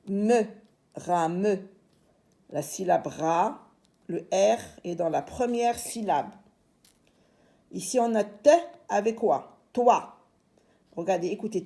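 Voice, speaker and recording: A woman teaching young children a reading lesson from home, sounding out syllables slowly and reassuring them patiently. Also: medium pitch, mellow. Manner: slow, clearly segmenting syllables. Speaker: primary school teacher.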